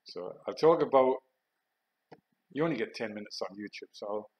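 A man's voice: fairly low pitch, animated, normal speed, dull audio. An older man, an army veteran, telling his own war memories in a blunt, plain-spoken monologue. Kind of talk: first-person war memoir monologue.

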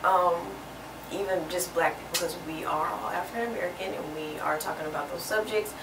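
Earnest young woman guest, lowish voice. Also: fairly quick. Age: young adult. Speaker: college student guest. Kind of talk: interview chat. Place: TV studio set. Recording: roomy distant studio sound with noise.

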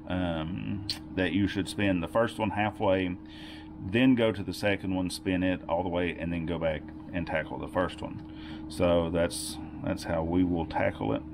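A man giving a patient, methodical step-by-step demonstration at a workbench in a home workshop, repeating the key points. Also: deep voice. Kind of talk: step-by-step how-to explanation. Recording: noisy workshop recording.

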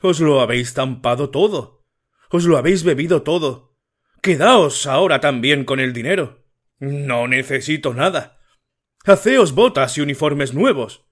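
A man voicing a stout, miserly, middle-aged father who shouts in fury in an audiobook story. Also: fairly high pitch, expressive, a little slow. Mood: furious shouting. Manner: shouting in rage.

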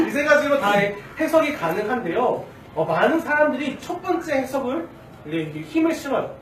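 A man's voice: sits high, slight background noise. A man in his thirties, a junior pastor, preaching a sermon in a conversational way, asking the congregation questions and acting out quoted lines. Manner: acts out quoted lines with shifting tone. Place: church sanctuary. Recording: roomy church sound from a distant mic.

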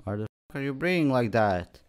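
A young man commentating a horror game, slangy and reacting with sudden loud outbursts. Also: mid-range voice, lively intonation, brisk, clean tone. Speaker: gaming YouTuber.

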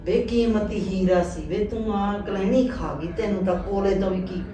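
A woman's voice: steady tone, normal speed, a crowd in the background, natural voice. A woman playing a harsh, cursing mother-in-law in a short drama film, scolding her daughter-in-law and her son. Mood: remorseful. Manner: shrill, cursing. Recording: echoey room, distant mic, faint music.

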